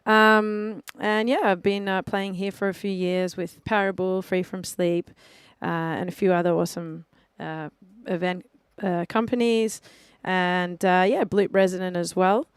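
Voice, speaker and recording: A woman with an Australian accent, a DJ talking easily as a guest in a radio studio, chatty and filling pauses with ums. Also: fairly low pitch, steady tone, smooth, dry recording. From Melbourne, Australia. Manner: chatty, easygoing, many ums and uhs. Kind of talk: casual radio interview.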